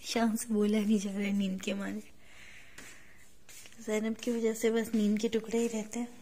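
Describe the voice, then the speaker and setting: A woman with a hoarse voice, chatting casually in a home vlog and talking to her children. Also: medium pitch, little pitch movement, moderate pace, slight background noise. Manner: talks softly, near a whisper, while the baby sleeps. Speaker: vlogger.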